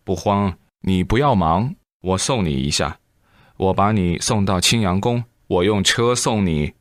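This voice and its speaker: A man's voice: deep voice, animated, a little slow, dry recording, clean studio sound. Man reading as a kind old host. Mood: reassuring. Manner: reassuring. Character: kindly elderly male host, calm and reassuring.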